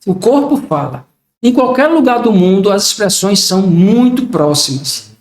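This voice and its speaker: An older man speaking at a high pitch, explaining his points in a reflective way and acting out small everyday exchanges. The room around him is noticeably echoey. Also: very animated, moderate pace. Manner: reflective, explains with acted-out examples. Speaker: podcast guest. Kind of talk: casual podcast conversation.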